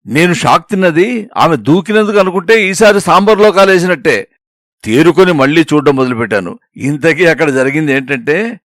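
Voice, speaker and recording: Playful male storyteller, slightly high voice. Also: no room sound, clean studio sound. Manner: playful, expressive comic storytelling. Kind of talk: scripted narration of a comic story.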